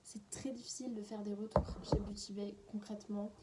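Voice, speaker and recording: A woman's voice: medium pitch, level tone, brisk, heavy background noise. A woman in a casual, unedited beauty haul, chatting away and often dropping into a half-whisper. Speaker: beauty vlogger.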